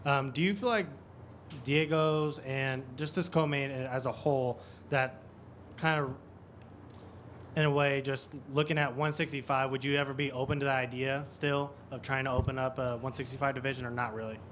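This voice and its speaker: Brief: male reporter, mid pitch, hesitant, lots of ums, faint room ambience. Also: fairly even intonation, normal speed, fairly bright tone, slight background noise. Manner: hesitant, filler-heavy. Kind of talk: press conference question.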